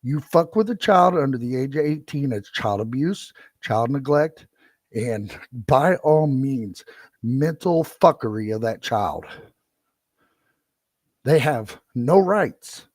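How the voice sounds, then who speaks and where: Ranting alone on his podcast, a middle-aged man gets heated, profane, and repetitive. His medium-pitched voice has lively intonation and an unhurried pace, captured as clean studio audio with no echo.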